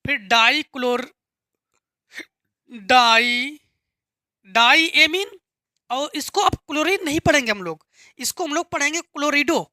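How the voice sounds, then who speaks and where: A woman's voice: high-pitched, unhurried, pauses often, pushed and bright, no room sound, studio quality. A woman teaching a chemistry lesson step by step, patiently asking and answering her own questions and repeating key terms. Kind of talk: classroom lesson explaining step by step.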